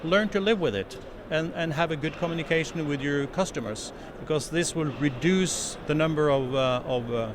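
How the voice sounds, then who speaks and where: At a noisy trade show, a middle-aged man from Norway is interviewed at his company's indoor stand, holding forth earnestly about a product into a handheld mic. His voice sits fairly high and moves at a moderate pace with few pauses. His Norwegian accent shows in slightly non-native phrasing and restarts.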